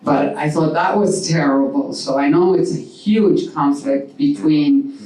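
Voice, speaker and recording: A woman from New York City asking a question from the floor at a live panel, halting and searching for words. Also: sits low, warm tone. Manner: searching, halting phrasing with many fillers. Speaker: audience member asking a question. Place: event room at a live panel. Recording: very echoey room, voice from far off.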